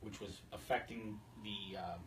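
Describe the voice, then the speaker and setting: This man co-hosts a casual hunting podcast, chatting agreeably in a lowish, fairly even voice without any hurry. The mic sits at a distance, and background noise is noticeable.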